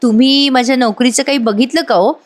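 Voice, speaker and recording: A woman's voice: high voice, fairly quick, pitched above the performer's own voice, close to an everyday voice. Woman doing an earnest young job seeker.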